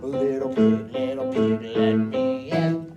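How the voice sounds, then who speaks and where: A woman voicing the big bad wolf of a storybook tale, loud and menacing, drawing out his threats. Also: extremely low pitch, slow pace, dull audio. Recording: distant mic, loud piano behind.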